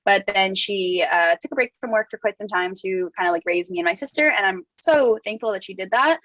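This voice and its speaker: A woman's voice: mid-range voice, a little fast, fairly bright tone, no room sound. Chatty young woman, dull dry audio. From New Jersey, USA. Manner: chatty, heavy use of "like" and "um". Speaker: guest author. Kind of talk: casual interview talk.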